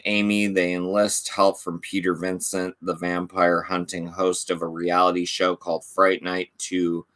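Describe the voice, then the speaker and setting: Chatting about his DVDs, a channel host reads their back-cover blurbs and mentions that he's losing his voice. He keeps his side comments casual and offhand, his voice a bit bright.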